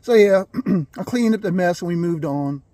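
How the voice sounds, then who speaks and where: A man telling a rambling, folksy story about his birds, clearing his throat now and then. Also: sits high, lively intonation, moderate pace, warm tone, no room sound. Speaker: gamefowl breeder. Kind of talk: casual storytelling.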